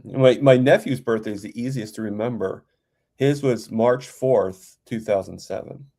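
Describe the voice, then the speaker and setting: A man's voice: medium pitch, normal speed, dark tone. A man in his fifties hosting a casual chat, with a hesitant, stumbling delivery. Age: 50s. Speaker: host.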